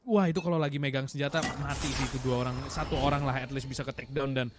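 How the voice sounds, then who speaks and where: An Indonesian man commentating an esports match like an excited game announcer, in a slangy, emphatic, analytical way. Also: mid-range voice, very fast, background noise.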